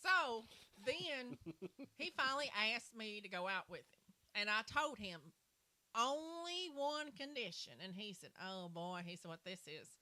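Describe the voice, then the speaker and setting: A woman spins a loose personal story, drifting and restarting. Her voice is bright and pitched a little high. She keeps circling back with "so anyway" and "and everything.". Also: big pitch swings, unhurried. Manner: rambling, repeats "so anyway" and "and everything". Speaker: co-host telling a story. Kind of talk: casual storytelling.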